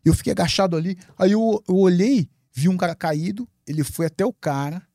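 Guest, male, from Brazil; mellow, dry-miked podcast storyteller, profanity and lively re-enactment. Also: high voice, fairly quick, no echo. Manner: lively, swearing, acts out his own past words. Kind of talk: animated storytelling in a podcast interview.

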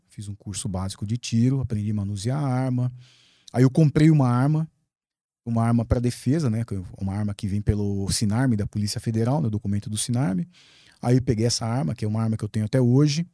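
A man from Brazil, a guest on a podcast, telling a story in a lively way. He swears freely and acts out his own past words. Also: medium pitch, quick pace, no echo, clean studio sound. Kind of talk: animated storytelling in a podcast interview.

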